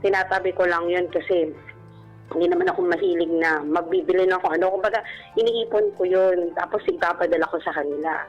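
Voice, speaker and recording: A Filipino woman from the Philippines, a former overseas domestic worker, calls in to a radio show and tells her personal story in a casual interview. She speaks politely and deferentially in a fairly low, brisk voice with fairly even intonation. The audio is dull, with a music bed playing behind her.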